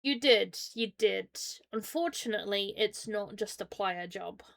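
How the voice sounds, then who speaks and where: A woman's voice: mid-range voice, a little slow, vocal fry, fairly bright tone. A British woman chatting casually as a live streamer, talking through a painfully swollen mouth from dental trouble, in an informal, apologetic way. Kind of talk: casual livestream chat.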